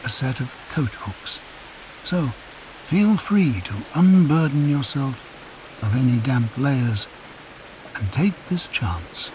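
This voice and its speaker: A man narrating a guided sleep meditation in a soft, calm, unhurried storytelling voice. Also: medium pitch. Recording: hissy recording with rain sounds behind. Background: rain.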